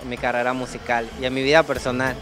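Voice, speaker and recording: A man from Panama, a singer, answering interview questions in a relaxed way in a café. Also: mid-range voice, fast talker, faint music behind. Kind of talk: casual interview. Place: crêpe café.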